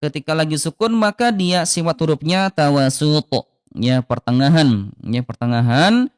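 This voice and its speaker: A man teaching Quran reading in a live online lesson, patiently repeating Arabic letter sounds slowly as examples. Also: a little high, expressive, clean tone, no echo, clean studio sound.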